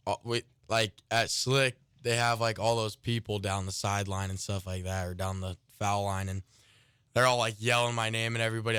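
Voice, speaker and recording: Smooth-voiced teenage guy telling a story. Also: fairly low pitch, a bit bright, no echo, clean studio sound. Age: late teens. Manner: rambling, many "like" and "I mean" fillers. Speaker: high school baseball pitcher. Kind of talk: casual storytelling interview. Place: radio studio.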